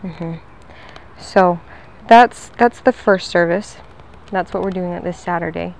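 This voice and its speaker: Standing outdoors at a front door, a woman pitches pest control door to door in a friendly, upbeat, talkative way. Her voice is fairly low, creaky and darkish, her pace unhurried, and the recording is low quality.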